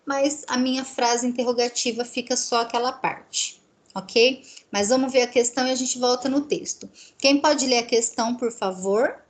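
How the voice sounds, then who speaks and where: A woman's voice: on the high side, normal speed. A Brazilian woman teaching a Spanish class, explaining rules step by step and often checking that students follow. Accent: Brazilian Portuguese.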